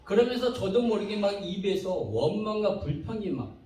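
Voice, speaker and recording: A man preaching a sermon as pastor, animated, acting out people's complaints in quoted voices. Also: high-pitched, moderate pace, echoey room, recorded from a distance, a little hiss or hum, rough recording.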